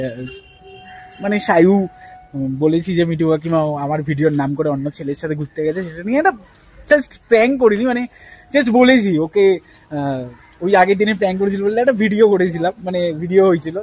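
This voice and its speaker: A man's voice: on the high side, a little mellow, slight background noise, low-quality recording. A young man, talking casually to camera as a vlogger, rambling with many fillers and restarts. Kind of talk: casual vlog talk to camera.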